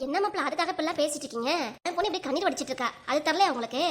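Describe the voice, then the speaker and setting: A woman's voice: sits high, lively intonation, a bit bright. Woman as a fussy scolding grandmother. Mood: arguing. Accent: southern Tamil, Kanyakumari. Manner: rapid, nagging and complaining. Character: scolding, fussy older grandmother and mother-in-law. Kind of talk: cartoon voice acting.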